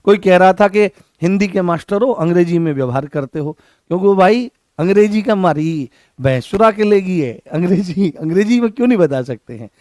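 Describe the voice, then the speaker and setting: A high-pitched man teaches a Hindi lesson, repeating key terms and firing questions back at his students. The sound is dry and close, with chatty folksy asides between the drills. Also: expressive, fairly quick, a little mellow, no echo. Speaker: Hindi teacher for exam prep. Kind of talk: classroom lecture.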